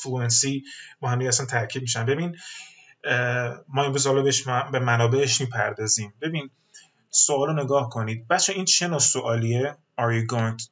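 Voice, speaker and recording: A man teaching a webinar lesson on an English exam, who explains patiently, mixes English terms into his talk and often pauses on fillers, and who speaks English. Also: medium pitch, fairly bright tone, highs cut off.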